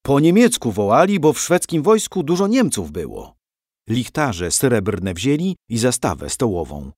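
A man narrating a historical storybook in a lively, animated way. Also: medium pitch, measured pace, husky, dry recording, studio quality. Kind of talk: storybook reading.

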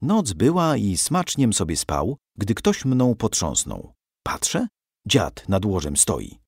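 Male storybook narrator, low and very animated, dry close recording. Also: slow pace, slightly rough, dry recording. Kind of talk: storybook reading.

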